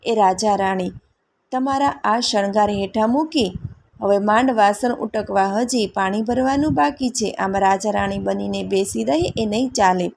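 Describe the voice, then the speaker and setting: A woman storyteller voicing jealous older sisters who boss and taunt their younger sister, with a gravelly voice. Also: mid-range voice, measured pace, a little mellow, slight background noise. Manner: taunting, bossy.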